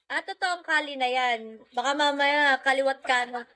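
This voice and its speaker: A woman's voice: high-pitched, normal speed, sharp tone, no room sound, rough recording. A woman hosting a casual livestream, chatting and greeting viewers by name. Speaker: livestream host. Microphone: phone.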